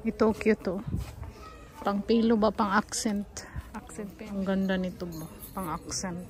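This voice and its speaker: A woman's voice: medium pitch, little pitch movement, a little slow, a little mellow, rough recording. A woman from the Philippines filming a casual shopping vlog, chatting along as she browses shops and a street market. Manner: chatty running commentary, calls companion "Day". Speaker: vlogger. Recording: crowd noise around. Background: crowd chatter.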